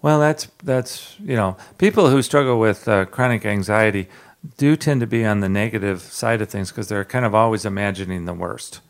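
A man with a low, gravelly voice hosts a radio talk program. He talks in a loose, unhurried way, full of fillers, with a hint of a Southern drawl. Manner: relaxed, many "uh" fillers, jokes about his southern drawl. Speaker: radio show host.

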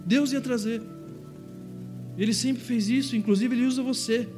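A man from Brazil preaching a sermon as pastor, conversational and animated, with lots of playful mimicry. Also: extremely high pitch, moderate pace, over music. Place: church stage.

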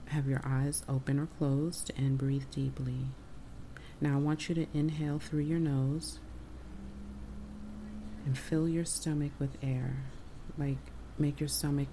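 A woman's voice: extremely low pitch, vocal fry, warm tone, a little hiss or hum. A woman leading a guided meditation, giving soothing breath-by-breath instructions over music. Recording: music bed under the voice.

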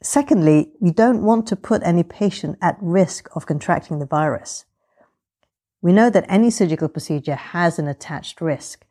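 Female surgeon vlogger, low voice, measured and orderly explanatory narration, fairly formal. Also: expressive, mellow.

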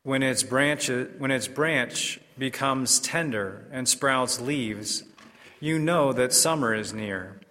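A priest with a bright, clear voice of middling pitch reads the gospel and then preaches, measured and unhurried. His words ring out in a large church and trail off in a long, cathedral-like echo. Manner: measured and unhurried, with a few fillers and restarts in the homily. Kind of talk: gospel reading and homily.

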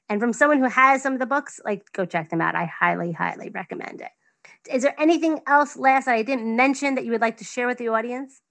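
A woman with a New York accent hosting a podcast interview, effusive and quick to laugh. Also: fairly high pitch, a bit bright. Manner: bubbly, effusive, laughs often. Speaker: podcast host. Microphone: video call.

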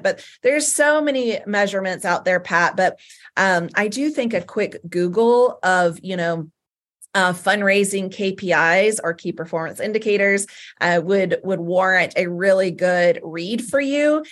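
Woman cohost, Southern accent, conversational advice-giver, mid pitch, fillers throughout. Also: a bit bright. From American South. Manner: chatty, many "you know" fillers. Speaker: cohost of a nonprofit talk show. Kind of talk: casual advice chat.

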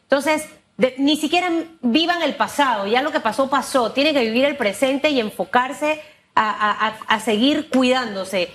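A woman's voice: high voice, moderate pace, a bit bright. A woman with a Panamanian Spanish accent hosting a broadcast interview in an informal, direct, colloquial way. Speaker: talk show host. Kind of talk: lively conversational broadcast interview.

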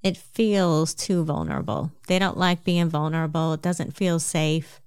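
A woman with a New Jersey accent giving a calm, measured self-help talk, explaining things step by step. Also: sits low, clear, resonant tone, no echo.

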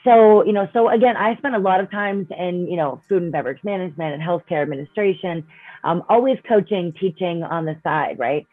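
Speaking a little fast on the low side, a woman in her 50s who works as a coach and speaker gives a casual, cheerful interview. The line is dry and tinny like a phone, and she keeps ending sentences with "right?" or "you know".

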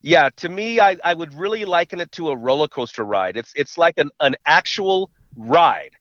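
On a dull, muffled phone line, a podcast co-host talks casually in a slightly high, fairly bright voice with lively intonation and normal speed, recorded dry. He tends to stammer, repeating words at the starts of his sentences.

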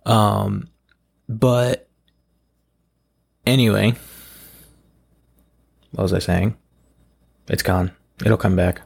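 Casual male podcast host, lowish and gravelly, allergy-hoarse, digressive and self-deprecating in unscripted solo chat. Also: fairly even intonation, extremely slow, pauses often. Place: at home, in a room below a bathroom.

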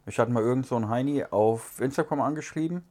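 Male co-host, easygoing and chatty, mid-pitched voice. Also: fast talker. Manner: relaxed, chatty, muses with fillers. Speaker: podcast co-host. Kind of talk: casual cigar review chat.

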